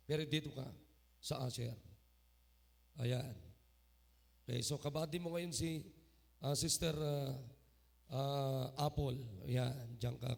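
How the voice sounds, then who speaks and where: A man preaching a sermon in a church with a high, gravelly voice. He is lively and calls out to the congregation by name. He mixes English phrases into his talk. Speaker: pastor.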